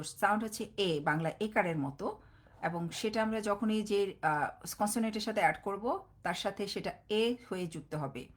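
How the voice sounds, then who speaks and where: A woman, a phonics teacher giving a live online class, mixing in English words and slowly drawing out each letter sound. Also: medium pitch. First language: Bengali. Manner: slow, drawn-out sounding of letters; mixes English words into explanations.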